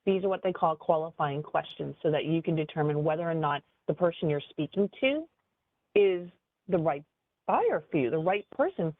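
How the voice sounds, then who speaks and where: A woman business advisor giving a webinar training in an animated, conversational way, with frequent fillers. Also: low-pitched, normal speed, no room sound. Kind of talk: webinar presentation. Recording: tinny phone-like dry audio.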